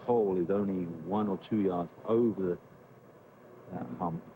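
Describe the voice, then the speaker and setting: A man's voice: low voice, a little slow, phone-quality sound. A man giving live golf commentary in an analytical, explanatory way. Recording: faint background noise.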